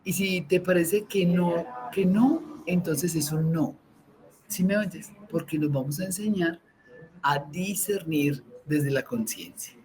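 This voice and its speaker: A woman with a Colombian accent guides a meditation at an unhurried, slow pace. Her cues are calm and soft, and she stretches each phrase out. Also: lowish voice, slight background noise, rough recording.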